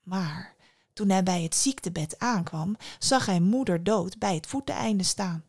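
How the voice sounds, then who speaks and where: A woman hosting a podcast, narrating a fairy tale in a calm, intimate storytelling manner with soft asides. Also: medium pitch, unhurried.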